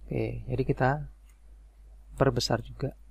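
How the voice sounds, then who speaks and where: Male tutorial narrator, gravelly, dry close mic, mouse clicks behind; calm, step-by-step. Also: mid-range voice, a little slow, no room sound. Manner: calm step-by-step explaining, fillers like "nah" and "oke". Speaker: spreadsheet tutorial instructor. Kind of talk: screen-recorded software tutorial.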